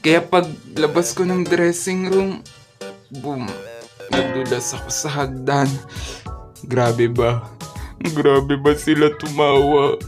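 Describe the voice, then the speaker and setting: A man's voice: a little high, slow pace, pauses often. A man with a Filipino accent telling embarrassing stories in a playful, self-mocking narration for his cartoon. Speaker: animator and narrator. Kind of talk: comedic storytelling narration. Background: soft music.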